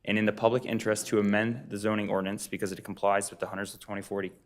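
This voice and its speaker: Low-voiced man reading a formal report. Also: little pitch movement, rapid-fire, slight background noise. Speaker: town planning staffer. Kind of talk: formal staff report, read out. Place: public town board meeting.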